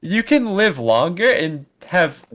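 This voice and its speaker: A man's voice: high voice, sing-song, slow pace, a bit bright. A young man co-hosting a podcast, blunt in casual chat and swearing freely. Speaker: podcast co-host.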